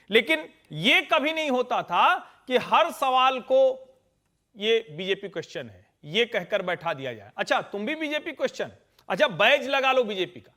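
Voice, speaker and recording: A man speaking as a political commentator on a TV panel, forceful and lecturing. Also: high voice. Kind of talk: TV panel debate.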